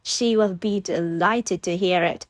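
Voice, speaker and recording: A woman voicing a playful, teasing young gentlewoman of the gentry, a bit higher than her narrating voice. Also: unhurried, no echo, close to an everyday voice. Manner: lively, teasing.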